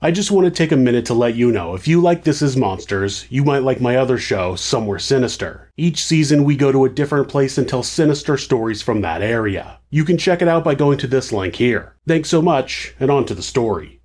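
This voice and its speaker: A man narrating a true crime show as its host, in a suspenseful, measured and grave scripted storytelling style. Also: mid-range voice, lively intonation, darkish tone, no room sound.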